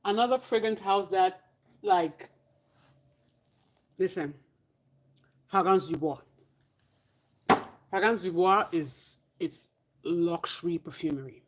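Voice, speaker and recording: A woman vlogger chatting casually to camera about perfume, candid and animated, with playful asides and the odd whisper. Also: lowish voice, slow, pauses often, slight background noise.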